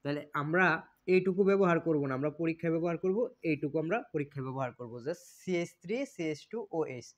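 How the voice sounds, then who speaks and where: A man with a fairly high voice teaches a chemistry lesson, and the recording sounds muffled and lo-fi. He repeats his points and keeps asking questions, then answering them himself. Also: quick pace. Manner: repetitive, asks and answers own questions. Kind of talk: classroom lecture. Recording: dull lo-fi recording.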